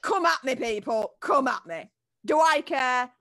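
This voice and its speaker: A woman's voice: high-pitched, lively intonation, unhurried, crowd noise. A woman with a Yorkshire accent, co-hosting a casual chat and talking in a blunt, brash, profane way. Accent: Yorkshire English. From Yorkshire, England. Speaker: podcast co-host.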